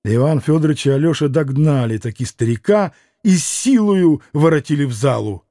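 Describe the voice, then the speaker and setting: Man reading a classic novel, higher voice. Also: normal speed, no room sound, clean studio sound. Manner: expressive, dramatic reading. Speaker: audiobook narrator. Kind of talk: scripted literary narration.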